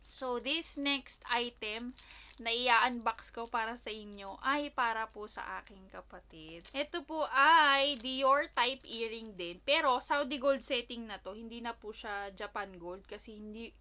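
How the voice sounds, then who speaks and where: Bright-voiced woman vlogger, chatty. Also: on the high side. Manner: chatty and emotional, voice softening to near-whisper asides. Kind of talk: casual unboxing chat. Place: home in Japan. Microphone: phone camera.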